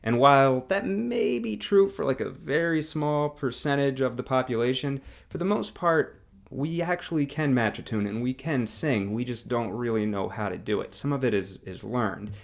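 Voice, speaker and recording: A man teaching singing with a guitar, explaining in a relaxed, casual way, with guitar playing under his voice. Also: medium pitch, normal speed, vocal fry. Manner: relaxed explaining, demonstrating on guitar, hums along with notes. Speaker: music teacher.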